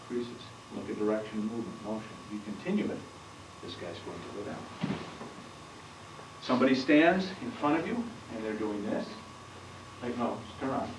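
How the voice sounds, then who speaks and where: A man's voice: medium pitch, background noise. A man teaching a martial arts seminar, explaining moves while demonstrating on a partner and often asking the class questions. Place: training hall. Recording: roomy 1990s camcorder audio from far off.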